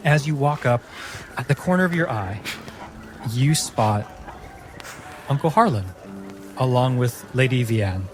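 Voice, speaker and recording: A man narrating a tabletop fantasy game as game master. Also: medium pitch. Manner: slow, descriptive.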